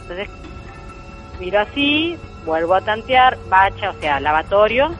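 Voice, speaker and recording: A woman's voice: mid-range voice, very animated, a little slow, highs cut off, soft background music. A woman with an Argentine accent telling a true ghost story as a guest, earnest and emphatic, repeating key phrases. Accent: Argentine Spanish.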